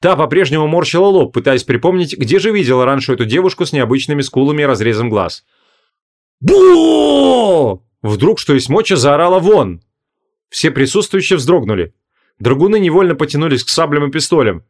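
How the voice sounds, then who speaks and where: A man narrating an audiobook in an expressive storytelling manner. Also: fairly high pitch, a little fast. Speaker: audiobook reader. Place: home studio.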